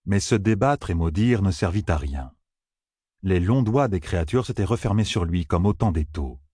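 Male narrator, audiobook; low, husky, dry close-mic sound. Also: normal speed, dry recording. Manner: steady, expressive storytelling. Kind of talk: audiobook reading.

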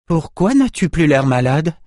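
A fierce sorceress scolds her former pupil in a raised, higher voice, voiced by a man reading an audiobook. She sounds exasperated and indignant. The recording is dry and close. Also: very animated, normal speed, a little mellow, no room sound. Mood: demanding.

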